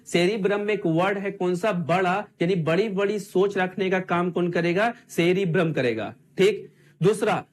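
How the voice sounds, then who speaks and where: The high-pitched instructor keeps his online test-prep students on their toes, firing the same questions at them repeatedly and waiting for them to answer back.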